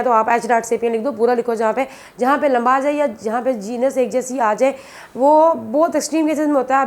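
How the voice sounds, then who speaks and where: A woman, teaching a biology lesson and explaining each point patiently and repeatedly, often addressing students as "beta". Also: on the high side. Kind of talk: classroom lecture.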